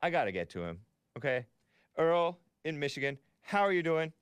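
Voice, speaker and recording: A man's voice: on the high side, very animated, moderate pace, clear, resonant tone, no echo. A man hosting a call-in radio show, bantering and debating in a teasing, needling way. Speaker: talk radio host.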